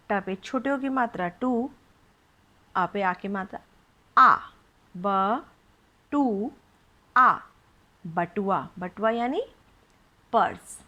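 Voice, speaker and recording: A woman's voice: medium pitch, pushed and bright. A woman teaching young children to read, spelling words out syllable by syllable with patient questions. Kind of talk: children's phonics lesson.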